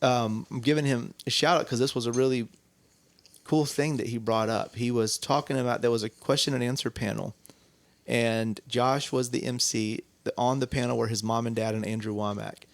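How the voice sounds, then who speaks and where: A man co-hosting a relaxed church podcast. His voice sits in a middle range and is recorded dry and close. He tells stories in a loose, rambling way, often stopping to correct himself. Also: mid-range voice, normal speed, no echo. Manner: rambling storyteller, self-correcting. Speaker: co-host. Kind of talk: casual podcast chat.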